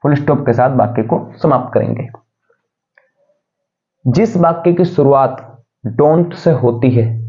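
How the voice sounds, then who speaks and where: A man teaching English grammar to students, explaining step by step and answering his own questions. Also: mid-range voice. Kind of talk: classroom lesson. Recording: tinny phone-like sound.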